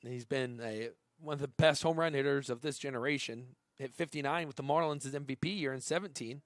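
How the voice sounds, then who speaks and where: A man calling a baseball game live, chatting between pitches and rising to excited shouts on big plays. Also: fairly quick, no room sound, studio quality. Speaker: play-by-play announcer. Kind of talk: live baseball play-by-play commentary.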